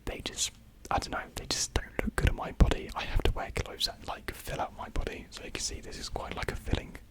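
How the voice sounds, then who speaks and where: In a brisk, breathy whisper close to the mic, a young adult chats casually for an ASMR video. They work through viewer comments in a tentative, rambling manner, often putting themselves down.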